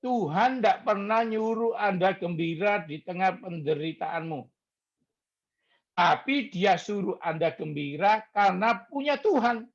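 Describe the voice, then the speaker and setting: A man's voice: high-pitched, unhurried, muffled recording. A middle-aged man from Surabaya, preaching a chatty evening prayer sermon and drawing amens from the congregation. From Surabaya, Indonesia. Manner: lively, chatty, jokes with the congregation and calls for amen. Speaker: pastor.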